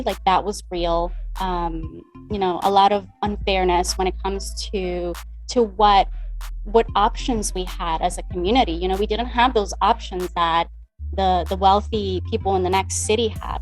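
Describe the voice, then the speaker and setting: A Dominican woman who works as a money mindset coach chats as an interview guest, upbeat and talkative, acting out past conversations. Her voice sits in the mid range with a darkish tone.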